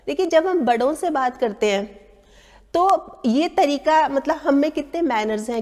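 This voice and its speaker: A woman's voice: high-pitched, a little mellow, big-room sound. A woman giving everyday advice on manners to her viewers, explaining her points and briefly acting out the rude, taunting voices of other people. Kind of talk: talking to camera.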